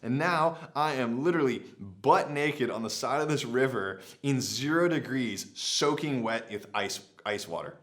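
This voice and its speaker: With a mid-range voice at normal speed and barely a pause, a young vlogger spins an adventure story to camera. It's casual and animated, full of "like" and other fillers, with him acting out things he said in the past.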